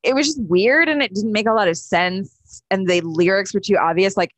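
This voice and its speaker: A woman co-hosting a casual movie review podcast, opinionated and quick to get exasperated. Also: mid-range voice. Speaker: podcast co-host.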